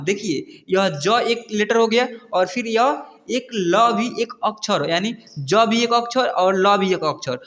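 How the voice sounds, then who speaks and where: A man teaching Hindi reading, sounding out letters and repeating each word twice in a slow lesson. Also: high-pitched, a bit bright, big-room sound.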